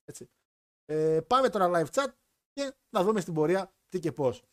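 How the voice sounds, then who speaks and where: A man's voice: high-pitched, lively intonation. A man hosting a live wrestling chat stream, talking in a joking, rambling way. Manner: chatty, joking, rambling with restarts. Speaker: wrestling podcast host.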